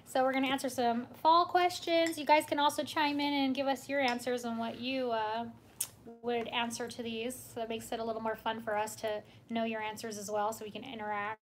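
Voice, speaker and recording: A woman's voice: fairly high pitch, level tone, fairly quick, a little hiss or hum. Chatty young woman hosting a livestream. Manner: chatty, laughs often, greets viewers by name. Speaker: vlog host. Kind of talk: casual livestream chat. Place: home room.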